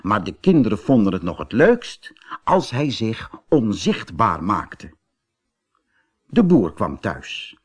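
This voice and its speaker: A man narrating a children's fairy tale audiobook in a slow, expressive storytelling manner. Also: fairly low pitch, breathy edge.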